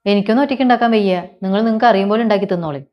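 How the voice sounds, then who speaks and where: A woman's voice: medium pitch, racing, lo-fi sound, lightly acted. A woman playing a quarrelsome young daughter-in-law, trading sarcastic jabs in a domestic drama. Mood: bickering. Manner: sharp, sarcastic bickering. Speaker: actor in a family short film.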